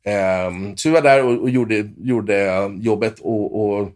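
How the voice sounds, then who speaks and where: Animated Swedish man telling stories. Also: lowish voice. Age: 50s. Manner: animated storyteller with many restarts and fillers. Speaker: guitarist guest. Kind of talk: storytelling interview.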